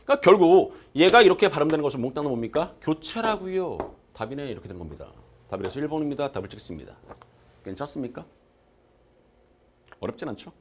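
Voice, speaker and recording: Lively male lecturer drilling key terms. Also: a little high, fast, slight background noise. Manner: emphatic, asks questions and answers them himself. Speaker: exam prep lecturer. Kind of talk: recorded classroom lecture. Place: lecture room.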